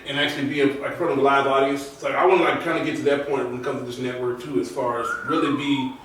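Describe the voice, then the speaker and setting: A man's voice: mid-range voice, level tone, fast, noisy background. A man in his thirties, host of a casual podcast, talking earnestly with many filler likes. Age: 30s. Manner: earnest, loose, lots of "like". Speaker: podcast host and channel owner. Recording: roomy echo, mic at a distance.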